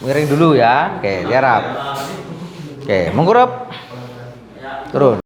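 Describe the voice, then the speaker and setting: A man's voice: medium pitch, sing-song, slow, a crowd in the background. A man working as a sports injury masseur, teasing and laughing as he questions a patient during a treatment demo. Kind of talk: treatment demo with talk to camera.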